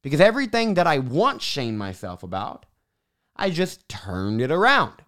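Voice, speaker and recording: A man's voice: on the high side, big pitch swings, moderate pace, fairly bright tone, dry recording, clean studio sound. A man hosting a motivational podcast, speaking emphatically and repeating key phrases, with a lisp and r's that sound like w's. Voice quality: lisp, can't say R's properly, w-like r. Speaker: podcast host, self-help coach.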